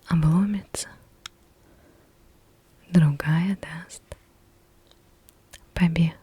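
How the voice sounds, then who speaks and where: A woman whispering ASMR affirmations in a soft, breathy, barely audible voice, repeating phrases as they fade away. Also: fairly low pitch. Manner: very slow, repeats phrases in fading echoes. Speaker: ASMR creator.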